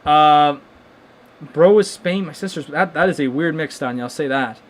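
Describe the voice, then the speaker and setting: Excitable young man reacting to hockey. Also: fairly high pitch, moderate pace. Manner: excitable, stunned reactions, many restarts. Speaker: host of a live hockey watchalong. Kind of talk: casual live game commentary.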